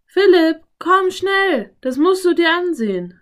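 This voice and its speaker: A woman voicing an eager, excitable young girl in a storybook reading. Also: high voice, measured pace, pitched above the performer's own voice. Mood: excited. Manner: bright, pleading, excited calls.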